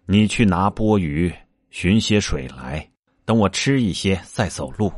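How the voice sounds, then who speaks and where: Stern, gentle monk master, male, low and slow with a husky tone, read by a male storyteller. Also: expressive, no echo, clean studio sound. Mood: admonishing.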